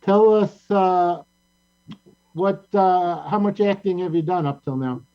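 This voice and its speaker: A show host and director chats casually with his cast on an online call, speaking slowly in a high voice and sounding encouraging. The audio is dull and lo-fi, with mains hum.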